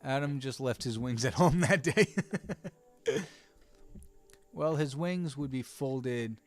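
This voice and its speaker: A man talks casually to his live-stream audience as he draws, rambling in an easygoing way and filling pauses with ums and small laughs. His voice sits at an ordinary middle pitch. Soft background music plays faintly under his talk. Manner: easygoing and rambling, with frequent fillers and chuckles. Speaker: artist and voice narrator hosting a live drawing stream. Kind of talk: casual live-stream chat while drawing.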